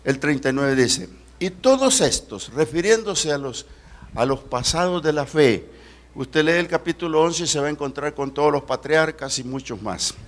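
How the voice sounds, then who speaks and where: A man with a Salvadoran Spanish accent preaching a sermon as pastor, swinging between loud emphatic peaks and low quiet drops. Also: normal speed.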